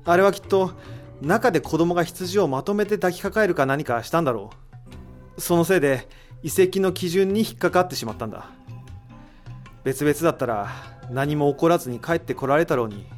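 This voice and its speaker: A man in an amateur audio drama, his natural voice on the high side and brisk, plays an analytical character explaining deductions about a mystery with assurance and rhetorical questions, while soft music plays in the background.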